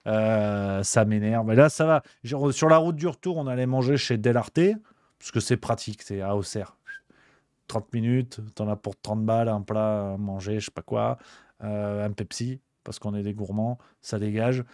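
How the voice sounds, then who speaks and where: A man's voice: lowish voice, normal speed, a little mellow, no echo, studio quality. A male host delivering a comedic rant on a livestream show, exasperated and swearing, repeating his grumbles.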